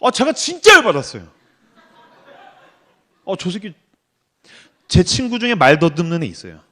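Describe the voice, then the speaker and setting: Animated high-pitched male preacher. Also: normal speed. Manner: animated and blunt, with casual slang. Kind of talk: sermon.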